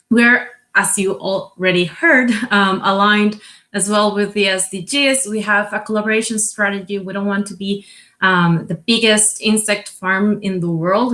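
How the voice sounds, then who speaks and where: In this business presentation, the co-founder and CEO of a company, a woman from Costa Rica, explains her firm earnestly. Her medium-pitched voice is a bit bright, and her speech is full of fillers and restarts.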